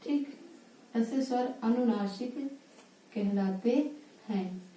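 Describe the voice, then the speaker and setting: A woman teaches a grammar lesson at a whiteboard, drawing out and repeating each word as she writes. Her voice is soft and mellow, a little high. She is some way from the mic in an echoey room. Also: distant mic, slight background noise. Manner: slow, repeats words while writing. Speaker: Hindi teacher.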